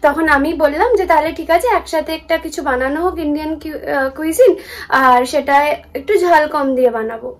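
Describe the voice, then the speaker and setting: Chatty high-voiced young woman vlogging. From Kolkata, India. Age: young adult. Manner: fast, chatty, mixes in English words. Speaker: vlogger, student in the UK. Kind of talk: casual vlog chat. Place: shared student kitchen.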